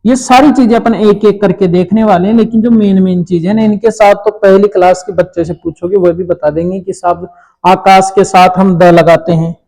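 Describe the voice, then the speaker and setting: High-ish warm voiced guy, teaching kids grammar slow and patient. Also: fairly even intonation, vocal fry, low-quality recording. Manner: explains slowly, repeats checks like "theek hai" to children. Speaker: English teacher. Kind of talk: classroom grammar lesson.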